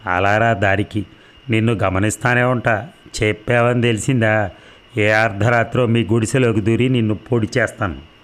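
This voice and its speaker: A man's voice: fairly low pitch, steady tone, moderate pace, fairly bright tone, lightly acted. A man reading as an angry young village boy. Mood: threatening. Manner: gruff, bullying.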